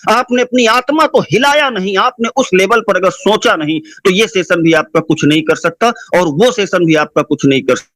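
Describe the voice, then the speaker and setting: A man's voice: sits high, fairly bright tone, dry recording. A man giving an impassioned motivational speech to listeners, repeating his points and exhorting them. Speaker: motivational speaker.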